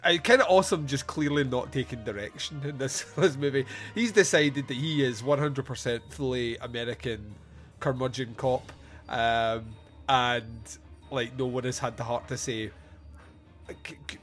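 A man's voice: mid-range voice, moderate pace, faint music behind. A man hosting a film podcast, chatting casually in a rambling, enthusiastic, sweary way. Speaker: podcast host.

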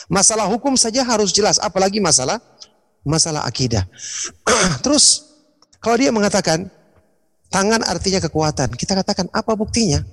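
High-voiced ustadz clearing his throat. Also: in a large hall. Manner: frequent throat clearing, rhetorical questions. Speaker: Islamic teacher. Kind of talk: online religious lecture with Q&A.

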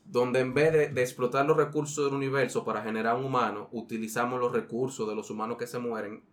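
A man's voice: mid-range voice, fairly even intonation, fast talker. A man with a Dominican accent in casual comedic chat among friends, co-hosting with slangy, sweary, rambling storytelling. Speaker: podcast co-host.

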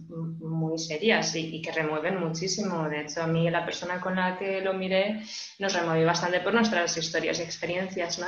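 A woman interviewing a guest, reflective and a little hesitant, with soft fillers. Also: fairly low pitch. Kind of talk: interview conversation. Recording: roomy, dull, faint noise.

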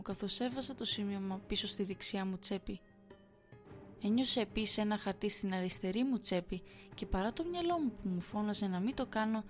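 A woman hosting a horror story podcast, reading first-person scary stories and chatting in a friendly way. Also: mid-range voice. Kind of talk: reading creepy stories aloud.

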